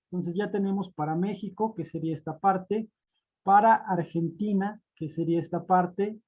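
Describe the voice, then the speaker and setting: A man's voice: high-pitched, warm tone. A man narrating a screen-recorded spreadsheet tutorial, methodical and step-by-step, often repeating points. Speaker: spreadsheet instructor. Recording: dull lo-fi recording.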